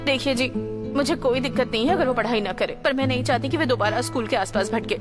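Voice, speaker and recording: A woman dubbing a film role as a harried, sharp-tongued mother who scolds her family. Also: on the high side, quick pace, loud music behind the voice, close to an everyday voice. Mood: resolute. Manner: scolding, shouting. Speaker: dubbing actor. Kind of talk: dubbed film acting.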